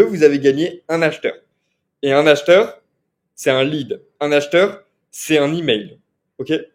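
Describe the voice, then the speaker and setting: A man giving an online marketing course lecture in French. He explains step by step, often stops to check with "ok?", and corrects himself as he goes. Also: mid-range voice. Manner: explanatory, repeats key terms, frequent "ok?" checks; fillers and self-corrections. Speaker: marketing trainer.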